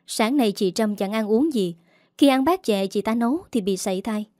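A woman's voice: fairly high pitch, moderate pace, dark tone, no room sound, clean studio sound, lightly acted. A woman voicing a spiteful young woman making a sneering accusation. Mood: accusing.

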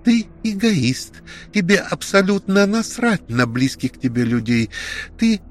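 A man's voice: big pitch swings, unhurried, faint music behind, heavily acted. A man voicing a frantic young woman who screams and sobs in desperation. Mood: accusing. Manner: shrill, desperate shouting.

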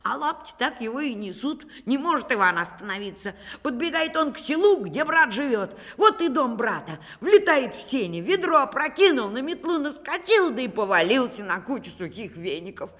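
A woman reads a fairy tale aloud with a bright, sharp tone and a very lively, swooping pitch. She moves between hushed and loud passages. A long reverb trails after her voice. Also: normal speed, few pauses. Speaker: storyteller. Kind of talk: animated fairy-tale reading.

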